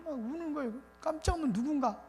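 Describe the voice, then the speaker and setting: A male pastor preaching a revival sermon in an animated, colloquial storytelling way. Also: very high voice, a little fast. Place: church sanctuary. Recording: reverberant church hall with faint noise.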